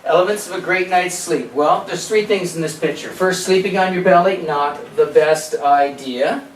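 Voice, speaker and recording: A man's voice: high-pitched, moderate pace. A man presenting an informal health seminar in a conversational, opinionated way, with rhetorical questions and quoted asides. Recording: echoey room, distant mic, background noise.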